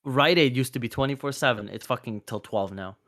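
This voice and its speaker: A man's voice: medium pitch, fairly quick, a bit bright, no room sound, clean studio sound. A young man on a podcast, telling rambling stories in casual, profane chat. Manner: rambling storyteller, swears freely, many fillers. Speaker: podcast co-host.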